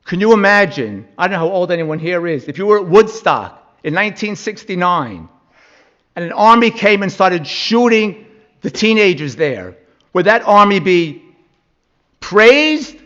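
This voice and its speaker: A man's voice: sits high, big pitch swings, a little slow, a bit bright, dull audio. A man giving an impassioned public comment at a city council meeting, pressing his point with rhetorical questions. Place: council chamber.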